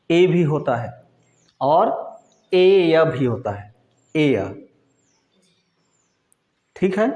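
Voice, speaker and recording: A man teaching a class slowly at a board, asking questions and answering them himself, with frequent checks that the class is following. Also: a little high, echoey room. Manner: frequent "ठीक है" and "है नी" check-ins.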